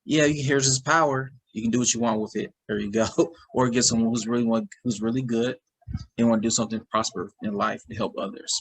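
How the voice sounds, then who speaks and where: A man with a mid-range, gravelly voice hosts a podcast interview. He talks in an eager, loose way, circling back over his own questions before he finishes them. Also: mid-range voice, fairly even intonation, fast, rough recording. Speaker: podcast host.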